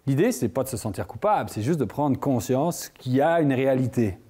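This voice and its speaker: A man with a French accent giving a lecture to a live audience, quizzing the room with questions and speaking in an animated, engaging way. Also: medium pitch, fairly quick, breathy edge. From France. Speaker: conference speaker.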